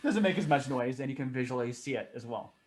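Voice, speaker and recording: A man leads an online improv workshop over a video call. He talks at a middle pitch in a casual, halting way, restarting sentences and filling pauses as he explains. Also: lively intonation. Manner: halting, with many fillers and restarts. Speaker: workshop facilitator.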